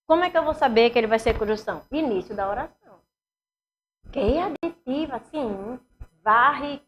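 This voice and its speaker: A woman's voice: sits high, lo-fi sound, slight background noise. A woman with a Northeastern Brazilian accent teaching a grammar lesson for exam preparation, asking the class questions and answering them herself.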